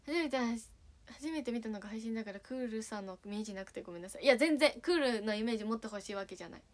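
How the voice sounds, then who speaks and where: A young woman with a light Sanuki accent from Kagawa chats on a casual livestream. She answers fan messages playfully and giggles often. Her voice sits a little high. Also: lively intonation, racing. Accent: Sanuki dialect (Kagawa). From Kagawa, Japan. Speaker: idol streaming and chatting with fans.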